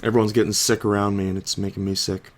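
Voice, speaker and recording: This is fast, flat casual video commentary from a young man with a fairly low voice. His throat is sore as a cold sets in, and he talks through a card game over the footage, musing out loud with plenty of "like" and "you know."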